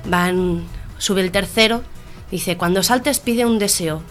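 A woman's voice: mid-range voice, slow pace, faint music behind. Female radio comedy co-host, casual joke-telling, acts out each character's lines. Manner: animated storyteller, voices the characters in her jokes.

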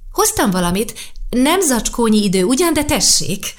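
A woman voicing an eager, bubbly little girl in an audiobook, with a high, bouncy voice. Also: sing-song.

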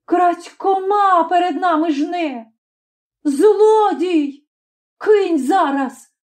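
Woman voicing a shrill, sobbing young peasant woman. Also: drawn-out words, a little mellow, full character voice. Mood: outraged. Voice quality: shrill, tearful outcries. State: crying. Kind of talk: audiobook character voice.

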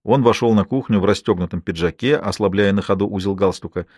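A man narrating a novel in a measured, even reading. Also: fairly low pitch, dry recording, clean studio sound. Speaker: audiobook narrator. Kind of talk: scripted narration.

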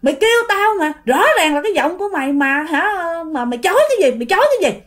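Cast a woman as a hot-tempered old man with a Southern Vietnamese accent, scolding, fast and high. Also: expressive. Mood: angry. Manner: angry, scolding.

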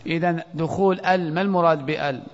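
A man teaching an Arabic grammar lesson in a classroom, quizzing his students and reciting verse slowly. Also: on the high side. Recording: dull lo-fi audio with long hall reverb.

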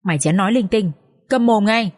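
A woman's voice: mid-range voice, a little fast, darkish tone, lightly acted. Woman reading as a blunt scolding mother-in-law. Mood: angry scolding.

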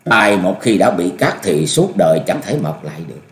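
A man voicing a restrained young male swordsman who answers slowly and quietly. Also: sits low. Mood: calm. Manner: slow, quiet, even replies. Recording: echoey room.

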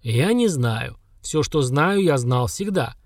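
A man voicing an ancient, simple-minded lake monster, speaking in slow, blunt, flat statements. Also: mid-range voice, no room sound, studio quality. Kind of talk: audiobook character voice.

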